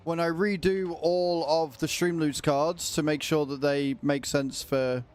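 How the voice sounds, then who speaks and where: A man's voice: fairly high pitch, flat delivery, unhurried. A man livestreaming a video game, chatting casually and informally with his viewers. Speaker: livestreamer, gamer.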